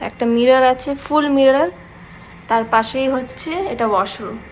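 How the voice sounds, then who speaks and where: A woman's voice: high voice, normal speed, a little hiss or hum. A woman gives a hotel tour in casual vlog narration. She gushes with praise and fills her talk with "মানে". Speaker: travel vlogger. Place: hotel room and grounds.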